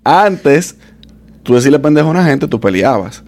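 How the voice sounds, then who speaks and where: A man with a Dominican Spanish accent, hosting a casual podcast chat, relaxed and playful. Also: mid-range voice, moderate pace. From Dominican Republic. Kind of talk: casual conversation.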